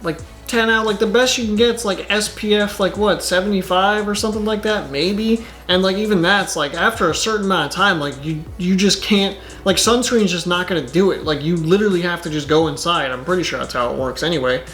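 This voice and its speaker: A man's voice: high-pitched, a little fast, hardly any pauses, fairly bright tone, soft background music. A man doing casual reaction commentary on his channel, rambling and exasperated, with lots of filler words. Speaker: YouTuber.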